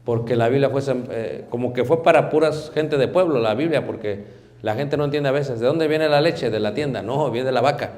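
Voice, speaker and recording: A man preaching a sermon, swinging between loud emphatic bursts and quiet asides. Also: mid-range voice, a little fast. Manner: acts out everyday dialogue in other voices.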